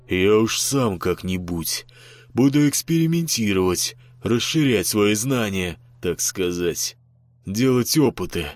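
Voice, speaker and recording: A man voicing a mad bearded stepfather who switches between a booming, furious voice and a raspy, mocking one, in an audiobook. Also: no room sound. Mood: gloating. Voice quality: shifts between booming rage and raspy mockery. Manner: unhinged, gloating, sing-song. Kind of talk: audiobook character voice.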